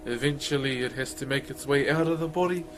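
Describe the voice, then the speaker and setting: Background noise surrounds a fast-talking man with a medium-pitched voice and a broad New Zealand accent. Streaming live, he chats with viewers casually, laid-back and slangy.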